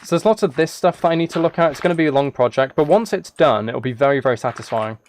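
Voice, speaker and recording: Fast and a little mellow, this man's fairly high voice carries a casual livestream as he plays a video game. He hosts with a playful, teasing tone and slips into meandering asides to his audience. You can hear keyboard clicks and typing over clean audio.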